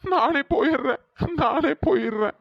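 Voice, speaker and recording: A man playing a pleading cartoon husband, slow and tearful, mid pitch, dull dry lo-fi audio. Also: vocal fry, no room sound, heavily acted. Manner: begging, slow, soft.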